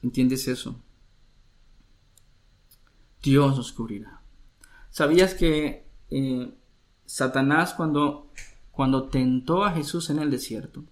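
A man preaching a sermon as a pastor, earnest, asking many questions and slowing down to stress his points. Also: a little high.

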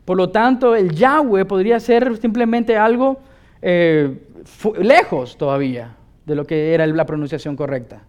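A man's voice: high voice, a little slow. A male pastor preaching a sermon with emphatic delivery, often asking his listeners rhetorical questions.

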